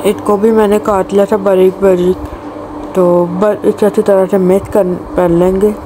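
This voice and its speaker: A cooking channel host narrates a recipe voice-over for a home cooking video, walking through each step in a plain, practical way and sometimes restarting a word. Her pitch is ordinary for a woman, with little pitch movement and a moderate pace. Clear background noise from the home kitchen recording runs beneath her voice.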